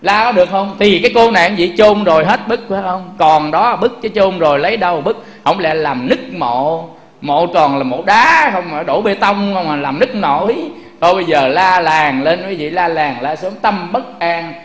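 A man's voice: high voice, animated, moderate pace, fairly bright tone. A man giving a Buddhist sermon, often turning to the audience with rhetorical questions. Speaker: Buddhist preacher. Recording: echoey room.

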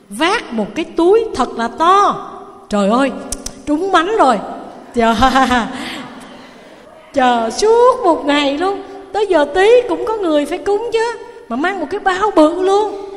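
A woman, a Buddhist nun telling a story in a sermon, animated and talking straight to her listeners. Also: high voice. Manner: animated, addresses the audience directly. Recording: long hall reverb.

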